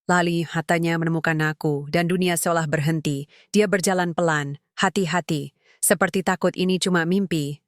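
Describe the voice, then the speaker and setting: A woman telling a first-person story in a measured, emotional storytelling manner. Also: on the low side, fairly even intonation, no echo, studio quality. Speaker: narrator.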